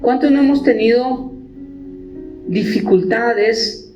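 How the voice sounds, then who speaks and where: A male pastor, preaching a sermon with animated delivery and acting out the voices of believers. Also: very high-pitched, slow. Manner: animated, acts out quoted believers. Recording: echoey church with music, dull sound.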